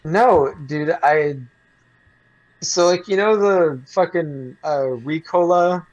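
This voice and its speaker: Young dude on a podcast, rambly storyteller, swears a bunch, keeps restarting. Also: male voice, fairly high pitch, slow pace, darkish tone, no echo, lo-fi sound. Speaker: podcast co-host. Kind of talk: casual chat.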